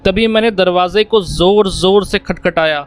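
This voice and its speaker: In a high-pitched voice at a moderate pace, a man tells a first-person horror story in a plain storytelling way, delivering the characters' lines in his own voice. It's a dry close-mic recording that is very noisy, with faint background music.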